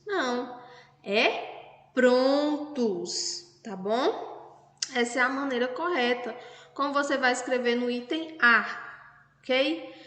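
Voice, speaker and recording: A Brazilian Portuguese woman teaching young children a lesson, talking slowly and patiently and spelling words out syllable by syllable. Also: high voice, pushed and bright. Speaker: primary school teacher. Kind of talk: recorded remote class lesson. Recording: echoey room with long reverb.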